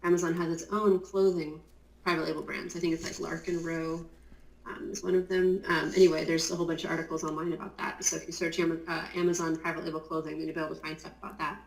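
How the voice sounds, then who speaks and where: A woman's voice: deep voice, flat delivery, quick pace, gravelly. A woman in a casual interview explaining Amazon compliance work. She talks in a chatty, explanatory way with many fillers, in her just-woken morning voice. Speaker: guest, Amazon compliance consultant. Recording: roomy echo.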